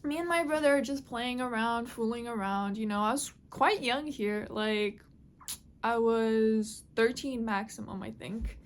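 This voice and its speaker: A woman's voice: fairly high pitch, unhurried. A woman telling a casual storytime while she draws, chatty and full of fillers, with casual swearing. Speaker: vlogger.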